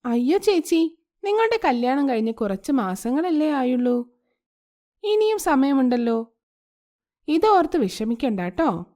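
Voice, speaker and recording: A caring young college student sister, as a woman narrator plays her, gently coaxing and concerned in a storybook tale. Her voice is very high and animated. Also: unhurried, pauses often. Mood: comforting.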